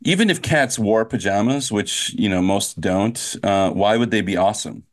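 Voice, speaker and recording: A man's voice: lowish voice, moderate pace. A man hosting a casual podcast chat, playful and joking. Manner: playful, jokes with mock old-movie voices. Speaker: podcast host.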